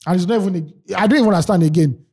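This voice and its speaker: A man's voice: high-pitched, slightly rough. A young Nigerian man co-hosting a podcast, trading casual banter in Pidgin and English and reading out news items. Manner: fast, animated, mixes Pidgin and English, reads news aloud. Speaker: podcast co-host.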